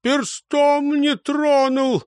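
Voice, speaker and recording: Man doing a sniveling thief-fence, wheedling, high and close-miked. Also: lively intonation, takes it slowly, no room sound. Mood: pleading. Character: frightened thieving male fence, whining.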